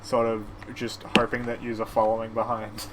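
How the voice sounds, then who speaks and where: A man narrating as game master of a tabletop role-playing game, unhurried and laughing often. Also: fairly low pitch, level tone, background noise.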